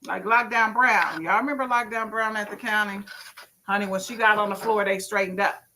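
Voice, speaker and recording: A middle-aged woman hosting a casual live stream, telling animated stories and reading viewers' comments aloud with folksy asides. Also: medium pitch, a little fast, a little hiss or hum. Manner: animated storyteller, laughs often, folksy asides. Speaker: livestream host.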